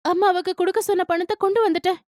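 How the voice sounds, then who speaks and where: A woman voicing a hurt but defiant young wife in a cartoon story, pleading in a high voice. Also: fairly even intonation, racing, no room sound, clean studio sound.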